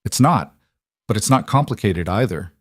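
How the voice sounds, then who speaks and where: A man reading the lines of a gentle, earnest single mother in a dramatized story, in a soft, sincere way. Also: on the low side, expressive, normal speed, no echo, clean studio sound.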